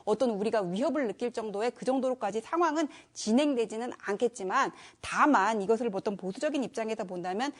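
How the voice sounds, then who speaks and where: A woman gives political analysis on a talk panel, and she talks quickly. Her voice sits fairly high, and she chains her points together in long, assertive run-on sentences. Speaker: panel commentator.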